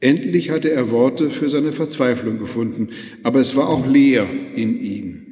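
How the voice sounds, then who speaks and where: An older retired pastor preaching a sermon, retelling a Bible story in slow, expressive storytelling, in a large church. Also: male voice, mid-range voice. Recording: echoey church hall.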